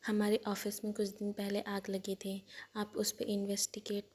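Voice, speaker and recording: A teasing, cheeky young man talks in a breathy, even tone, voiced by a woman storyteller. His lines are read in a soft, flat storybook manner. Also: medium pitch, normal speed, lightly acted.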